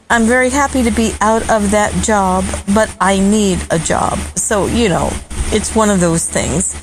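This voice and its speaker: A woman calling in to a show with a message, tearful and emotional, speaking haltingly. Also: fairly high pitch, background noise. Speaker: caller to a radio show. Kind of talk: phoned-in message.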